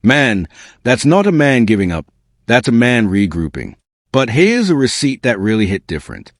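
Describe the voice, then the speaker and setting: A man's voice: medium pitch, very animated, normal speed, no room sound, clean studio sound. A man delivering scripted celebrity exposé commentary as host, in a punchy, slangy, dramatic way with a smug, sarcastic edge.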